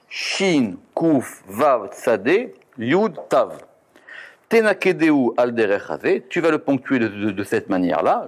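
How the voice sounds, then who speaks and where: A man teaching a Kabbalah text lesson, reading Hebrew letter and vowel names and explaining them, often stopping to correct himself. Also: medium pitch. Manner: reads Hebrew terms then explains in French, self-correcting.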